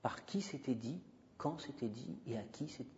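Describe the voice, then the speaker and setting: A university guest lecturer with a mid-range voice and lively intonation talks at a moderate pace, sounding a little mellow. Speaking into a handheld mic, he is emphatic and digressive and interacts freely with the audience. The dull lo-fi recording has long hall reverb plus a little hiss or hum.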